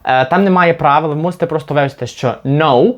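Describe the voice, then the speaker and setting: A man from Ukraine teaching an English lesson, patiently repeating example words slowly to demonstrate them. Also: a little high, muffled recording. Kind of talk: language lesson.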